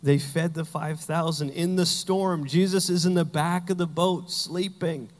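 A man's voice: a little high, steady tone, a little slow, big-room sound. A man preaching a sermon as pastor, telling Bible stories with humor and acting out the characters.

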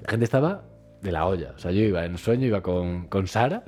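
A man's voice: low-pitched, brisk, breathy edge, soft background music. A man, co-hosting a casual chat podcast and telling a dream story, acting out the crowd's voices. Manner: animated storyteller, acts out crowds. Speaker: podcast co-host.

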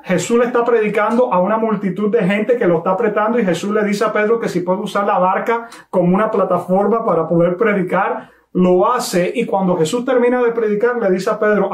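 A man preaching a sermon, telling a story with emphatic, slowly stressed phrases. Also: high-pitched, roomy sound. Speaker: pastor.

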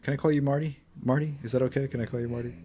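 A man's voice: mid-range voice, steady tone, very fast, mellow, a little hiss or hum. A young man hosting a podcast, chatting casually with lots of fillers and the odd profane joke. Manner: rambling, heavy on fillers, joking and profane. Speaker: podcast host. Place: indoor room, in person.

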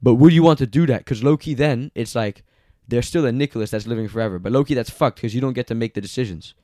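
A man's voice: mid-range voice, fast talker, warm tone, no echo. Young man, slangy rambling chat, dry sound. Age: young adult. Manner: slangy, rambling, says bro often. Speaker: podcast co-host. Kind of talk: casual chat.

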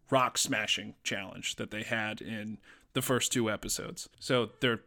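A man's voice: mid-range voice, vocal fry, a bit bright. A man hosting a casual spoken review, rambling and conversational with lots of fillers and restarts. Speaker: podcast host reviewing a TV episode.

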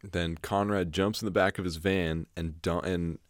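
A man's voice: deep voice, steady tone, moderate pace, dry recording, clean studio sound. A young man co-hosting a podcast, casually retelling a film's plot in a rambling, profane way with frequent laughs. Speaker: podcast co-host. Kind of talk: casual film discussion.

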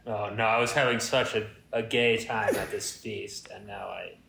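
A man's voice: on the low side, steady tone, normal speed, gravelly, bright, forceful tone, roomy sound, a little hiss or hum. A man co-hosting a comedy podcast in casual improvised chat, with a jokey mock-regal manner. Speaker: podcast co-host.

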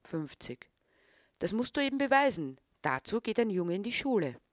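A woman's voice: mid-range voice, big pitch swings, normal speed, dry recording, studio quality, pitched above the performer's own voice, natural voice. A woman reading the part of a disapproving middle-aged man who questions a boy. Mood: stern.

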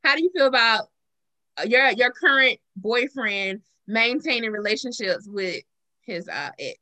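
A woman with a Southern American accent hosting a casual group chat, animated and acting out conversations as she talks. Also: fairly high pitch, unhurried. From southern United States. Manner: animated, acts out remembered conversations. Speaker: talk show host.

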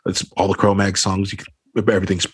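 A band frontman speaks in a low, husky, monotone voice at a brisk clip, with no room sound. Interviewed over a video call, he rambles casually, swears a lot and leans on fillers like "you know what I mean."

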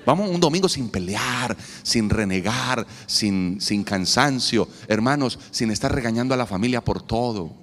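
Animated pastor in echoing hall. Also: male voice, medium pitch, normal speed, hardly any pauses. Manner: animated, playful, acts out quoted voices. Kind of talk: sermon. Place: church hall. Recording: long reverb in a church hall, faint noise.

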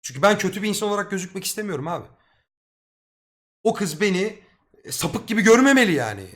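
A young man with a high voice talks fast while streaming, telling a story to his live chat. He's casual, slangy and excitable, swearing freely along the way.

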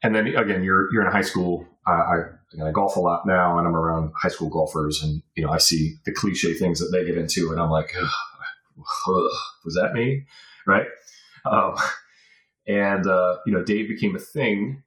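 Appearing as a podcast guest, a Virginia man in his forties reminisces casually in a rambling way, often saying "you know." His voice is deep yet fairly bright, with a steady tone and moderate pace. The sound is roomy and echoey.

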